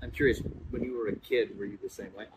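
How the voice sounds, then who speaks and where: A man's voice: on the low side, steady tone, fast, distant mic. A man chatting casually as a podcast co-host. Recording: off-mic, clearly noisy background.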